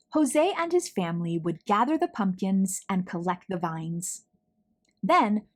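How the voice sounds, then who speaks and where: A woman with a medium-pitched voice reads a picture book aloud to children, telling the story deliberately and dramatically while emphasizing words.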